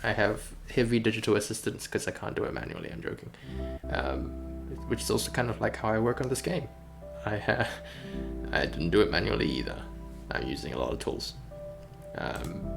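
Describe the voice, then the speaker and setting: Over music, a man streams himself working as a game developer, chatting casually and thinking out loud in a rambling way. He speaks fairly quickly in a lowish, sing-song voice with vocal fry.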